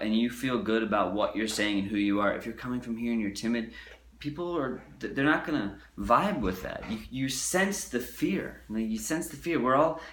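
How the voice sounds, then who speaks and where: A man's voice: medium pitch, a bit bright, a little hiss or hum. Casual, profane man teaching singing in an echoey room. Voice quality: loose and profane, acts out timid and bold voices. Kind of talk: casual video lesson. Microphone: camera mic he handles.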